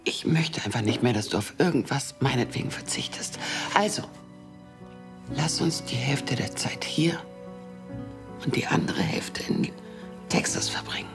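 An actress playing a tender but determined woman in love in a TV drama, speaking softly and earnestly. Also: fairly low pitch, expressive, normal speed, pauses often, over music. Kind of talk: TV drama dialogue.

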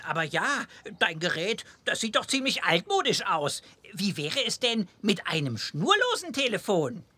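A cheeky, carefree puppet boy for a children's show. The voice is high and sharp with a husky rasp, playful and mock-innocent. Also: sing-song, normal speed, no echo, heavily acted. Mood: impressed, teasing.

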